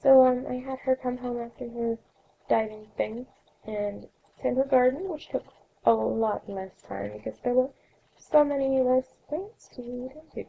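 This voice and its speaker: A young woman hosting a let's play, chatting through her gameplay with a raspy voice that has a cold in it and a rambling way of correcting herself. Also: on the high side, unhurried, phone-quality sound. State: coughing, sore throat. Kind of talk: casual gameplay narration.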